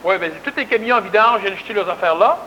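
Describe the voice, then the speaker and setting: Speaking quickly in a high-pitched, lively, bright and forceful voice, a man with a Québécois accent delivers a down-to-earth spiritual lecture in a conversational style. He hammers points home by repeating words. The recording is muffled, with a bit of hiss or hum.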